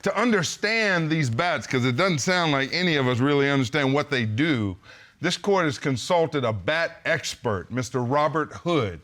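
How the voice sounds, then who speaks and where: A man's voice: fairly high pitch, expressive, moderate pace, fairly bright tone. A man presiding as a TV court judge, asking questions in a folksy, wry and playful way.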